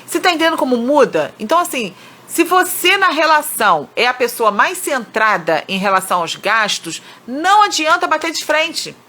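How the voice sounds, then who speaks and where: Bright-voiced Brazilian woman giving chatty advice. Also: high-pitched, big pitch swings, moderate pace. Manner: chatty, acts out quoted people. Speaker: speaker on money and relationships. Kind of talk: casual motivational talk.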